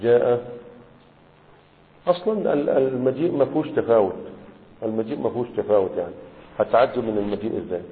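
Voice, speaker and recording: Fast-talking teacher, tinny reverberant audio. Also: male voice, medium pitch. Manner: asks rhetorical questions, repeats checks with students. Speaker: Arabic morphology teacher. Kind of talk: explanatory lecture. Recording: tinny phone-like audio with long hall reverb.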